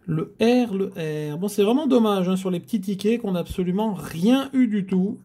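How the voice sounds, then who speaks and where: A man's voice: high-pitched, moderate pace, warm tone, breathy edge. A man hosting a scratch-card video, chatting casually to viewers as he scratches tickets and groaning at bad luck.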